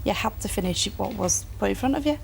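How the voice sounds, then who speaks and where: A woman's voice: mid-range voice, animated, fast talker, vocal fry, slight background noise. A woman giving a personal account in a plain-spoken, down-to-earth way. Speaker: phobia sufferer and guest.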